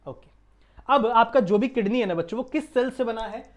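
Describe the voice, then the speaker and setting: A man's voice: very high voice, normal speed. A male teacher with an Indian accent gives a casual online science lesson, often asking his students questions and then answering them himself. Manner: quizzes students with repeated questions. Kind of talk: casual classroom lecture.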